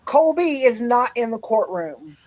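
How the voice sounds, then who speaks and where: Female co-host, casual chat, slow pace, slightly high voice, dry close sound. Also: sing-song, darkish tone, no room sound. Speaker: livestream co-host.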